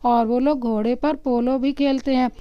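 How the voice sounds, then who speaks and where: A woman's voice: high voice, steady tone, moderate pace, smooth, no room sound, dull audio, lightly acted. A woman voicing a strict, elderly royal grandmother in a storybook reading, firm and commanding. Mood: stern.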